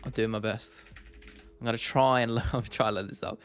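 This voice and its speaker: A man with a medium-pitched, clean-toned voice and fairly even intonation talks briskly as host of a casual livestream. Faint music and keyboard clicks accompany his laddish, informal chat with viewers, in which he repeats phrases for emphasis.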